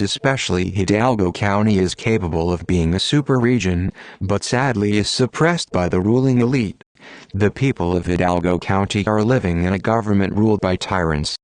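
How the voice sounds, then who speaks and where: A man with a fairly low voice delivers a scripted activist message. He addresses his audience formally, in a solemn and declamatory warning manner. The sound is very dry, with no room around the voice. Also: no echo. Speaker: activist spokesperson.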